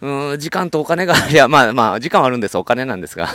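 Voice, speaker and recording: Quick, lively Kansai man. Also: medium pitch, no room sound. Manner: animated joking storyteller. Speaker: podcast co-host. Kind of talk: casual chat while walking. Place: outdoors on a morning street walk.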